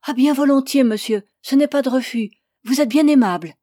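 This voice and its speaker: A woman reader voicing a weary, naive sixteen-year-old peasant girl who talks in a high, loud, plaintive voice. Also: fairly quick, dry recording, clean studio sound. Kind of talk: audiobook character voice.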